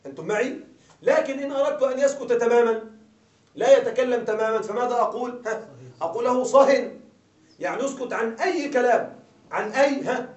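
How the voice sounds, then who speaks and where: A man's voice: very high-pitched, fast, darkish tone, distant mic. A man giving a grammar lesson to a class, often repeating questions to check that the listeners follow. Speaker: grammar teacher. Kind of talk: classroom lecture. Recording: echoey dull room sound from afar.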